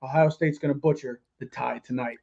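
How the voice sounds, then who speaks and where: A man hosting a casual sports podcast, excitable and joking, often getting loud. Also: mid-range voice, brisk, gravelly. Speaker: podcast host. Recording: dull lo-fi sound.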